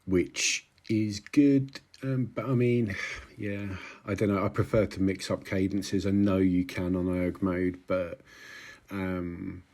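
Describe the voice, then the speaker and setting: A man in his forties giving casual, halting, dryly self-deprecating commentary while cycling hard on an indoor bike, talking through the exertion. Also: low-pitched, little pitch movement, mellow. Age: 40s. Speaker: cyclist vlogger.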